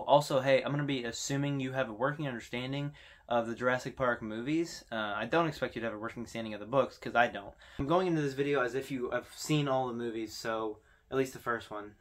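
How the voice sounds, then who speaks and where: In a small room with posters on the walls, a young man hosts a video, chatting informally to camera. His voice sits at medium pitch and sounds fairly bright.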